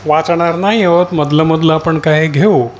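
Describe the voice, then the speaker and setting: A male pastor delivers a sermon in a fairly high voice. He asks his congregation questions and answers them, drawing out the scripture readings slowly between calls of hallelujah. Faint noise sits beneath the recording. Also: steady tone. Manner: repeated cries of hallelujah; slows down to read scripture.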